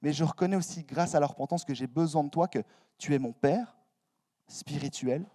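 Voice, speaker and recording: A young male preacher gives a sermon in a church hall with a relaxed, conversational delivery. His voice is mellow and a little high for a man. He drops in slang and pokes fun at himself as he talks. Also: normal speed. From Switzerland. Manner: casual, youthful slang, self-mocking asides.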